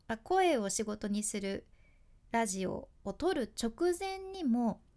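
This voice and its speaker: A woman with a Hakata accent, her voice fairly high and somewhat dark, hosts a radio voice lesson. A radio host and voice coach, she explains things step by step in a friendly, chatty manner.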